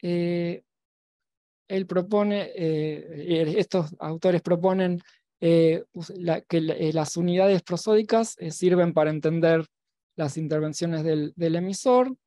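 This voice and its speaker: A man's voice: fairly high pitch, slow, dark tone, no echo. Hesitant man giving a lecture. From Argentina. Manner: hesitant, many fillers and restarts, frequent tag questions. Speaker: university lecturer. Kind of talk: academic presentation at a virtual symposium.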